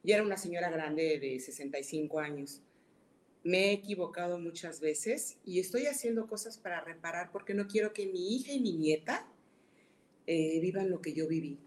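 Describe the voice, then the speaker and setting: A woman's voice: fairly low pitch, normal speed, darkish tone. A woman, hosting a casual chat podcast, talks conversationally with frequent fillers. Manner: conversational, many fillers like "este", tells anecdotes. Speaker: podcast host. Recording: echoey room.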